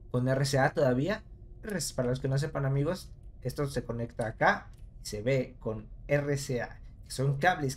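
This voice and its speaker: A man's voice: medium pitch, a little hiss or hum. A man, casually commenting on a game as he plays, talking to his viewers and thinking aloud. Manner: casual, talks to viewers while puzzling aloud. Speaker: gameplay commentator. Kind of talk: let's play commentary.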